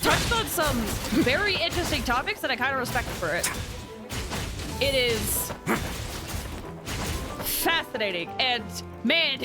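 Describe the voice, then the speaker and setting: This woman's voice is high-pitched with lively intonation, a little slow and broken by long pauses, all over loud music. She's livestreaming a game and rambling through casual, informal chat with viewers, with the game music playing behind her.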